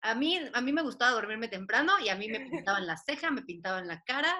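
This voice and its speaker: A woman's voice: on the high side, lively intonation, fast talker, crowd noise. A young woman hosting a podcast, bubbly and giggly, often repeating herself. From Mexico. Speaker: podcast host. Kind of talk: casual podcast chat.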